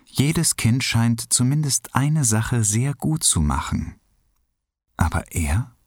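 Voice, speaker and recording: A man reading a children's story aloud in an expressive, unhurried way. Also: no echo, clean studio sound. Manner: expressive, unhurried, lively pitch.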